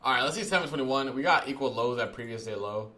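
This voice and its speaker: A man's voice: medium pitch, animated, fast talker, pushed and bright. A young man doing casual livestream trading commentary in a slangy, swearing gym-bro manner, saying bro constantly. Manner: gym-bro hype talk, slangy and profane, says bro constantly. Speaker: live trading streamer.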